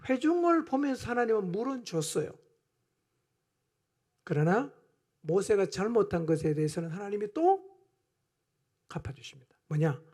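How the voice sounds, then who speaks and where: A male pastor preaching a sermon in a church, swinging between hushed asides and loud, emphatic outbursts. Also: sits high, husky.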